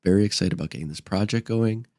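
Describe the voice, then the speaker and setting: A man's voice: fairly low pitch, fast, creaky, dark tone, no room sound, studio quality. A man giving casual gameplay commentary as host, his voice stuffy and nasal from a blocked-up nose with a cold. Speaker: gaming video host.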